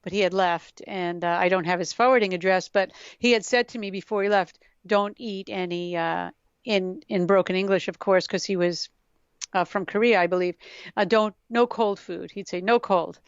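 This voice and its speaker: A woman's voice: on the low side, steady tone, normal speed, clear, resonant tone, no echo. A middle-aged woman talking as a podcast guest, reflective and explanatory, laughing easily. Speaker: yoga scientist guest. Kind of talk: conversational podcast interview. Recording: dull lo-fi dry sound.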